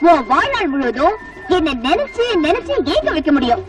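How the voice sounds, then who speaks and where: A bold young heroine, teasing and forthright, her voice very high and lively. She sounds distant on a film soundtrack, with music underneath. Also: fairly quick. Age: young adult. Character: bold, rich, educated young village woman. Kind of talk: Tamil film dialogue.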